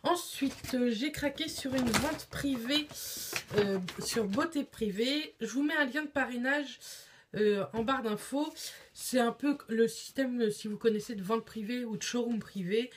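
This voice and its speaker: A woman's voice: fairly high pitch, a little slow, a little hiss or hum. Chatty woman showing beauty buys. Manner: chatty, many hesitations. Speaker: beauty vlogger. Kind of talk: casual haul video.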